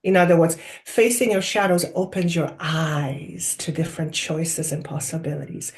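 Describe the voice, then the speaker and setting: A wise collective of spirit guides speaks through a person acting as medium in a trance-channeling seance. The delivery is deliberate and oracular, solemnly instructive. Key words are drawn out for emphasis, and questions are posed rhetorically. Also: mid-range voice, steady tone, lightly acted.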